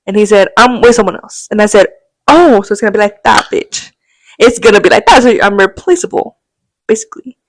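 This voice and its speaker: A young adult woman co-hosts a podcast, telling a rambling story in casual chat and acting out quotes with animated energy and frequent laughter. Her voice is medium-pitched and fairly quick, and the recording is dry.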